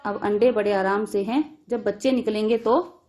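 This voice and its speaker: A woman's voice: medium pitch, steady tone, normal speed, a little mellow. A woman teacher reading a story aloud and restating each line in simple words for students.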